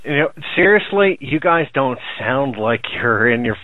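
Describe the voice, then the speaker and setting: A man's voice: mid-range voice, animated, unhurried, dry recording. A man hosting a radio interview on a headset, friendly and tripping over his words. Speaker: radio host. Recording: dry tinny phone line.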